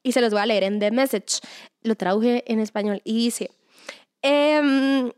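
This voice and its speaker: High-voiced chatty woman. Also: steady tone, moderate pace, a little mellow. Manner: chatty, storytelling with acted quotes and many fillers. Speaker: devotional speaker. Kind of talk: personal testimony and Bible reflection.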